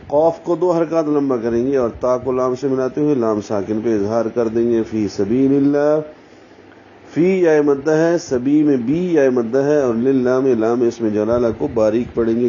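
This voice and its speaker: A man teaching Quran recitation, explaining each letter slowly and deliberately, and sounding out syllables as models. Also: mid-range voice, dark tone. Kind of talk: tajweed lesson, explaining pronunciation. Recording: dull, slightly muffled sound with faint hiss.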